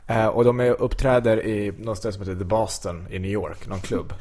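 Laughing, animated male storyteller. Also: fairly low pitch. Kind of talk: casual chat.

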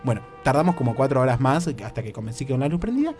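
Animated Argentine man telling a story. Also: mid-range voice, racing, faint music behind. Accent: Rioplatense Argentine Spanish. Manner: animated, swoops into exaggerated voices, keeps asking "¿viste?". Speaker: radio comedy host. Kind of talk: comic storytelling on radio.

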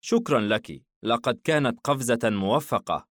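A man with a medium-pitched voice, pitching it above his own natural register, lightly acts the part of a blunt, impatient male customer in a shop who replies curtly. His intonation is lively, the pace moderate and the mood friendly. The studio recording is clean, with no room sound.

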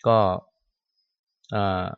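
Male monk preaching informally in a temple hall; dry, muffled recording. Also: drawn-out words. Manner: conversational, ends phrases with a soft particle, acts out scolding quotes. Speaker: Buddhist monk giving a Dhamma talk. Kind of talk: sermon. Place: temple hall after chanting.

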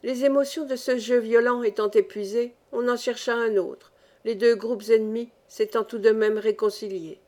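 A woman narrating a village story as an audiobook reader, with lively storytelling. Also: a little high, normal speed. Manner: lively storytelling, varied pace. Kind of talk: scripted narration.

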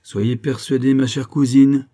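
A man's voice: medium pitch, steady tone, unhurried, dark tone, voice pushed up, natural voice. Man reading as a firm, self-assured colonel. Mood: earnest.

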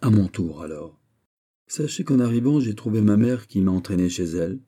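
A man's voice: on the low side, animated, moderate pace, warm tone. A man reading aloud and voicing an impassioned, jealous young king who pleads and bursts out. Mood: earnest. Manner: pleading, rising to outbursts.

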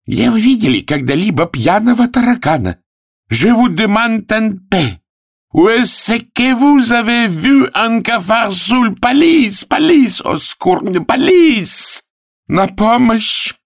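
A loud, showy barker calls out cockroach races, as a man reads him aloud from a play. His voice rides high above the reader's own and stretches every word in slow, booming cries. The sound is dry and close. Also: sing-song, no room sound, heavily acted. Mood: desperate. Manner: grand barker's cries in mixed languages.

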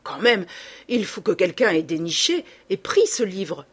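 A woman voicing a fussy, pedantic older male scholar in a storybook reading, measured and explanatory. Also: lowish voice, sing-song, breathy edge, heavily acted. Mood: reasoning.

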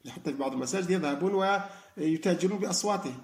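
A man's voice: high-pitched, racing, reverberant. A man giving a religious ethics lesson, talking earnestly with many fillers and restarts. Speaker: Islamic ethics teacher. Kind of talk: religious lesson explaining sayings.

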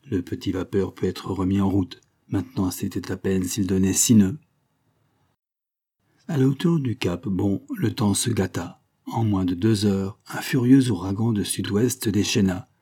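A man narrating an adventure novel in a steady, even storytelling way. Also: low-pitched, unhurried, breathy edge. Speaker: audiobook narrator.

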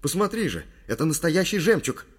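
A man's voice: on the high side, sing-song, fairly quick, breathy edge, voice pushed up. A cocky young man plays the gallant with a lifted, showy voice, as a male audiobook reader puts him on. He soothes and boasts in the same breath. His delivery leaps about with theatrical flourish. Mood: mock-grand. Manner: playful, mock-grand, reassuring.

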